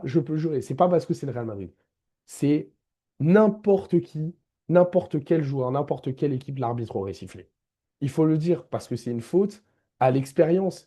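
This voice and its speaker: A man's voice: fairly high pitch, warm tone, breathy edge. A man giving a casual football match debrief as a vlogger, emphatic, repeating his key points and addressing viewers directly.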